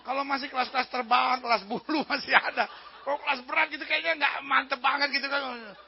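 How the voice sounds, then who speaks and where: Animated high-voiced preacher, gravelly edge. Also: male voice, fairly quick, slight background noise. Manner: animated storytelling, mimics regional accents and characters. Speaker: pastor. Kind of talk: humorous sermon. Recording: dull lo-fi sermon recording.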